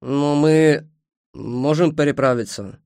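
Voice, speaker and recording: A man's voice: a little high, vocal fry, a little mellow, clear, resonant tone, no room sound, clean studio sound, pitched above the performer's own voice. A man voicing a grim, shrewd fiddler. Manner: grim, measured. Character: gloomy shrewd young male fiddler.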